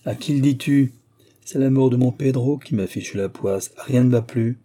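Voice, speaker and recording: A man reading an audiobook, voicing a chatty, brash young woman film star who complains in lively slang, with a husky voice. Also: mid-range voice, normal speed, lightly acted. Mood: exclaiming.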